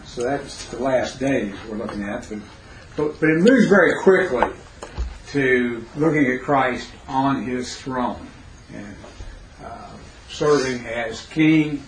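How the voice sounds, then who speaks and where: A man with a raspy, hoarse, mid-range voice teaches a Bible class indoors, halting and questioning as he pauses to quiz his students. The recorder sits near him, capturing a roomy classroom sound with faint noise.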